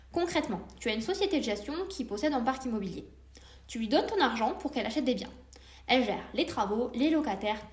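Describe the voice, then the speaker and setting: A woman's voice: fairly high pitch, darkish tone, roomy sound. A woman hosting a solo podcast, explaining investments step by step and speaking directly to the listener in a friendly way. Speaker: podcast host.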